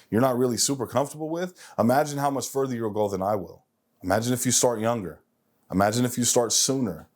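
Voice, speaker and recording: Fairly low in pitch and darkish in tone, this man of forty delivers a forceful motivational monologue on his self-improvement show. He repeats phrases to make them land.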